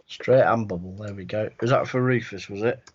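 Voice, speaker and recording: A man's voice: fairly low pitch, normal speed. Joking man, dull lo-fi sound. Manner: joking, teasing banter. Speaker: co-host of a live vape show. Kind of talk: casual live-stream banter.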